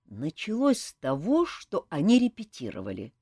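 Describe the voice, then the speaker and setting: A woman's voice: low voice, huge pitch swings, moderate pace, warm tone, husky, dry recording, studio quality, full character voice. A woman voicing a grumbling, sheepish male commander in an audiobook reading. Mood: recalling.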